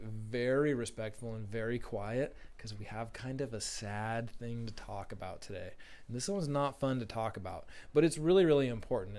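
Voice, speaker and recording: A man's voice: mid-range voice, a little mellow. Friendly man addressing young schoolchildren. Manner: friendly, encouraging, speaks slowly and simply to kids. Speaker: school principal leading a video assembly. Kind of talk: recorded morning assembly talk to young children.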